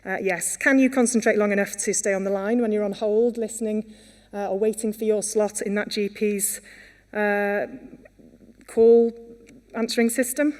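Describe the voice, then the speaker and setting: A Welsh woman addresses a conference earnestly at a moderate pace, her medium-pitched voice a little mellow and fairly even in intonation. Many fillers and restarts mark her speech, and the hall's long reverb is audible.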